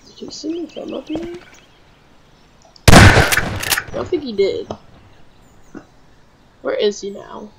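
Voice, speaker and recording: A woman's voice: high voice, animated, slow, creaky, pauses often, very noisy. A woman giving let's play commentary, jumpy and yelping when startled. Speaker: gamer.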